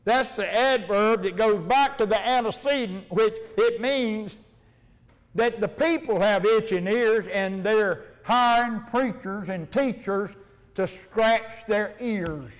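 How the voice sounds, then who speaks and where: Male preacher, Appalachian hillbilly accent, high-pitched voice, homespun Bible-teaching delivery, long hall reverb. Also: takes it slowly. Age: middle-aged or older. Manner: folksy, plainspoken. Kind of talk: sermon with verse-by-verse Bible teaching.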